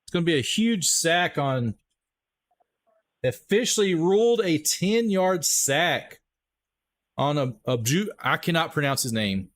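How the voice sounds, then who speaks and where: A man's voice: fairly high pitch, lively intonation, unhurried. Upbeat Texan man calling football live. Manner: chatty, upbeat, addresses viewers as guys. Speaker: livestream play-by-play host. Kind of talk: live play-by-play commentary with chat shout-outs.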